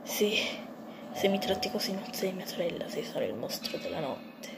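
A woman's voice: mid-range voice, expressive, moderate pace, vocal fry, heavy background noise. Woman doing a deluded killer mouse brother. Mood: insistent. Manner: insistent, self-righteous. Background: music.

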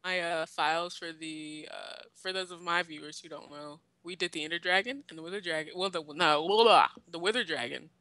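A woman's voice: fairly low pitch, fairly quick, few pauses, pushed and bright, no echo. A woman chatting casually as a guest in a gameplay session, giggly and tripping over her words. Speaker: guest co-player.

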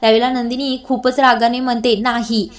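A woman narrating a storytelling recap of a TV serial episode in steady, matter-of-fact narration. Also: fairly high pitch, normal speed.

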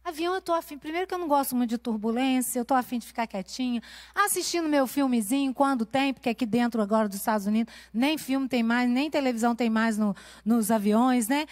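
A woman preaching to a women's conference with a high, bright voice. She swings her pitch and loudness up and down, mixing scripture with a personal story in a passionate cadence. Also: quick pace. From Brazil. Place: church.

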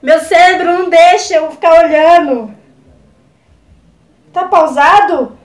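A Brazilian woman with a Brazilian Portuguese accent reacting on camera, jumpy and excitable, scared and trembling, swearing and laughing as she talks. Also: very high-pitched, slow, roomy sound. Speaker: YouTuber. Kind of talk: reaction video chat.

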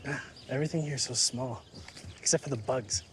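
A man's voice: medium pitch, fairly quick, noisy background, natural voice. Actor as easygoing young American guy. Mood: curious. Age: 20s. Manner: relaxed, curious, fumbling pronunciation. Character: young American man Dan, easygoing visitor. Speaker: lead character. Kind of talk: film dialogue.

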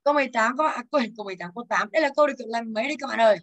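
Young woman English teacher, slightly high voice, lively and teasing, walking the class through exam answers. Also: racing, rough recording. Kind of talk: exam answer walkthrough lesson.

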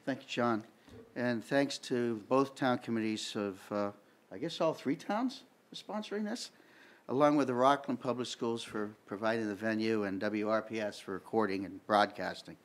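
A middle-aged man from Massachusetts reads his prepared remarks at a table microphone, measured and formal. His voice sits at an ordinary pitch for a man. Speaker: candidate. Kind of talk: prepared opening statement. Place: school meeting room, seated at a table.

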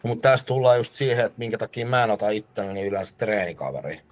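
A man's voice: on the low side, expressive. A man, a personal trainer telling rambling gym stories brashly on a podcast, swearing as he goes. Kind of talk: casual podcast chat.

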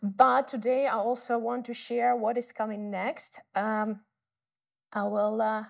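A woman product expert giving a live webinar demo of software, explaining earnestly and often pausing with filler sounds. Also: on the high side, level tone, gravelly. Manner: hesitant, many filler sounds.

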